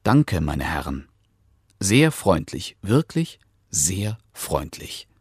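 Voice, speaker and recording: A cunning storybook fox speaks softly and smugly in a low, slow voice, as a male narrator puts him on. His politeness is mocking. The recording is dry and close. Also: sing-song, no echo, exaggerated voice. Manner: smug, soft and mocking. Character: sly clever male fox, mock-polite.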